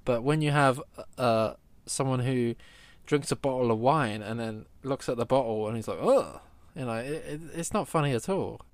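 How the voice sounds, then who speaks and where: A man co-hosting a casual film chat, opinionated and animated, stumbling over his words. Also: medium pitch, moderate pace, few pauses, no echo. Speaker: film podcast co-host.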